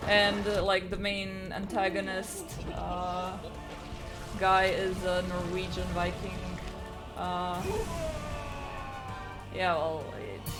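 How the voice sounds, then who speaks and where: A man's voice: sits high, little pitch movement, slow, pauses often. A man co-hosting a live gaming stream, chatting casually in a rambling, hesitant, wry way. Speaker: co-host. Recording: game music loud behind. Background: loud video game music.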